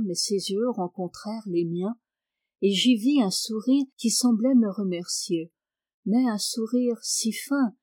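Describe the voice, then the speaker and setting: Woman doing audiobook narration of an old novel, measured and expressive, mid pitch, dry close sound. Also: no echo. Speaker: audiobook reader.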